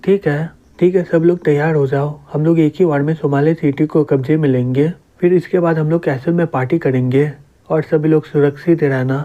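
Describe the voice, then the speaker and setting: A man reading the part of a calm, confident young male city lord in a comic recap. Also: a little high, moderate pace, natural voice. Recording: dull lo-fi recording.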